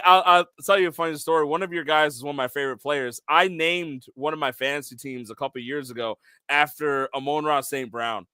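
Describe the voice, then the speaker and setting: A man co-hosting a sports podcast, chatting casually as an excitable storyteller who makes quick asides. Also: fairly high pitch, clean tone, no echo, studio quality. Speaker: podcast co-host.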